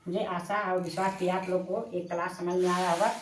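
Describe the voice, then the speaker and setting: A woman teaching a language lesson, dictating slowly and repeating each word for her students. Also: on the low side, flat delivery, reverberant, a little hiss or hum. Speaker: Sanskrit teacher. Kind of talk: classroom-style lesson.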